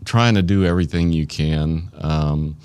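A middle-aged man with an Arkansas Southern accent, talking casually in an interview in a folksy, plain-spoken, halting way. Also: very deep voice, darkish tone, clear, resonant tone.

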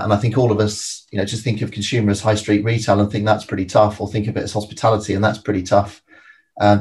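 Low, flat-toned man answering interview questions. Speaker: private equity expert guest.

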